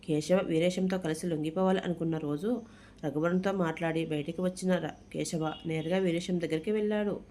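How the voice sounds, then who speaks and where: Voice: medium pitch, fairly even intonation, brisk, dark tone, slight background noise. A storyteller reading a dramatic storybook tale aloud. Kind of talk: scripted storybook narration.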